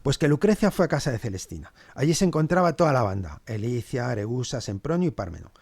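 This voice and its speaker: A man's voice: medium pitch, very animated, quick pace, darkish tone, no echo. A man playing a cynical male servant, telling the story with sardonic, dry asides. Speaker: podcast storyteller. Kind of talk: scripted two-hander narration.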